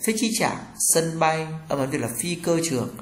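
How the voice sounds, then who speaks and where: A man's voice: fairly high pitch, moderate pace. Man teaching a language lesson, roomy sound. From Vietnam. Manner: reads example phrases then translates each one.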